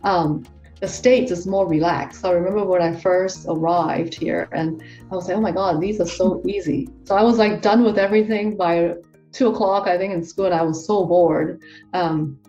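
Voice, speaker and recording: This is a female guest tax professional from Hong Kong giving relaxed, talkative interview answers, often pausing on fillers and starting her sentences over. She speaks at an ordinary pace in a mellow, somewhat low voice. Faint background music plays, and the sound is muffled and dull because she's sitting well back from the microphone.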